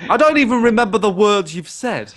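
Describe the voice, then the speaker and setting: A man co-hosting a casual gaming podcast, animated and quick to laugh. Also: sits high. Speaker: podcast co-host.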